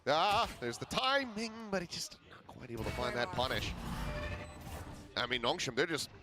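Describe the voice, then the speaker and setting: A man's voice: mid-range voice, big pitch swings, normal speed. A man working as an esports caster, calling live game action in clipped, running play-by-play phrases. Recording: game noise, gunfire and clicks behind. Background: video game sound effects.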